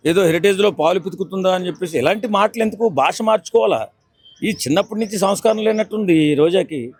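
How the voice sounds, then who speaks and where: A man scolds in a street interview, lecturing and circling back to the same points. His voice sits high for a man. The recording is dry, with no room around it. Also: dry recording. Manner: indignant, repetitive, lecturing. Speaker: member of the public interviewed.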